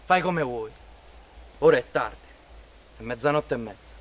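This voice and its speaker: A high-voiced, edgy young man, played by an actor in a short film. He is nervous and quick to anger, talking outdoors at night against a faint hiss of background noise. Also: animated, fairly bright tone. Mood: angry.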